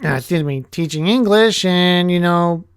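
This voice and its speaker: A young man telling a casual vlog story about his year, halting often and restarting his sentences. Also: high-pitched, smooth, no echo, studio quality. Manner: halting, with many restarts and fillers. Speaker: vlogger, English teacher.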